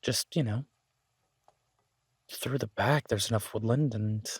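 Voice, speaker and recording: The speaker is a man portraying a warm, laid-back country chef who runs a restaurant, chatting casually and comfortingly in an audio roleplay with a relaxed, affectionate mood. His voice is lowish, husky, and a bit slow, recorded in the studio with no room sound.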